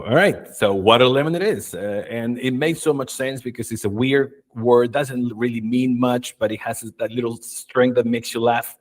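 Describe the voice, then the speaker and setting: Male guest, 40s, from Chile; mid-pitched, upbeat, loose conversational delivery. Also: a little mellow. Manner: enthusiastic, storytelling, frequent fillers. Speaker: guest, marketing and video expert. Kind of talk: casual interview chat.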